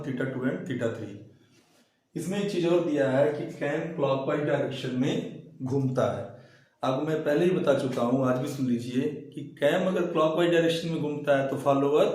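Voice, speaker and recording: A man with a sore throat and thick voice, speaking terms, explaining a drawing lesson slowly and step by step. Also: medium pitch, a little mellow. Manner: slow, deliberate explaining. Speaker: engineering drawing teacher. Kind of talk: step-by-step lecture. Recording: very echoey room.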